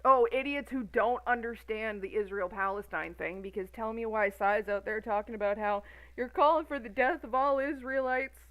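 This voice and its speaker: A woman's voice: on the high side, normal speed, dull audio. A woman in her thirties ranting on a stream in a profane, sarcastic, exasperated way. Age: 30s. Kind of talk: casual ranting commentary.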